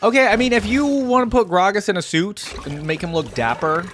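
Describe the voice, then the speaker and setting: A video creator offers casual reaction commentary, musing aloud and hedging his opinions along the way. His voice is high, fairly bright, and lively in intonation, and he talks briskly.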